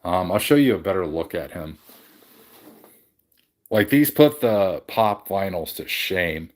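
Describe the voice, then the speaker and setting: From his game room at home, a man hosts a casual livestream, greeting viewers and rambling through his collection with frequent restarts and self-corrections. His voice sits low and sounds animated, and he speaks at a slow pace.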